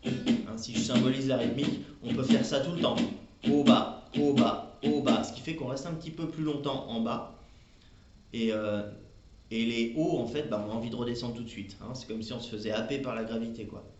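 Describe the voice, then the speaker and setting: A man giving a patient, step-by-step guitar lesson, explaining slowly with chatty fillers. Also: mid-range voice, a little mellow, roomy sound, muffled recording, a little hiss or hum. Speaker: guitar teacher. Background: his own acoustic guitar playing.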